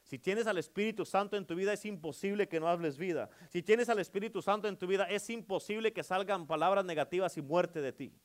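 A man, a pastor preaching a sermon, calling out amen often and swinging between loud declarations and hushed passages. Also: high-pitched, fast, hardly any pauses.

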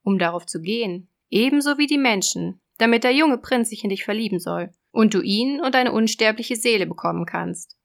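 A woman voicing a cruel, scheming old sea witch in a storybook reading, loud and sneering. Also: a little high, expressive, moderate pace, gravelly, few pauses. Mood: menacing, sneering.

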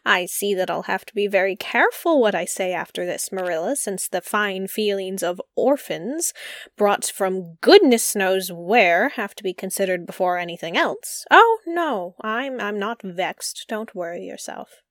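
A woman's voice: mid-range voice, expressive, unhurried, no room sound, studio quality. Woman playing a blunt, nosy old neighbor. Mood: huffy. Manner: blunt, judgmental, huffy.

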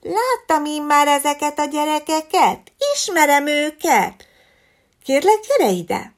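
A woman voicing a kind, warm-hearted owl schoolteacher who speaks in a gentle, coaxing way. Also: high voice, big pitch swings, pitched above the performer's own voice. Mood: kindly.

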